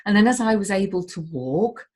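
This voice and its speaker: A woman's voice: medium pitch, expressive, a little fast, a little mellow. A woman speaking as a guest in a candid conversation, heartfelt and emotional, swearing casually as she talks.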